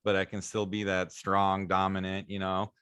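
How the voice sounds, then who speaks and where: A man in his thirties hosting a podcast, talking calmly and reflectively with frequent affirmations. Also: low voice, moderate pace, smooth, no room sound. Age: 30s. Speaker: podcast host, naturopathic doctor. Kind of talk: casual interview chat.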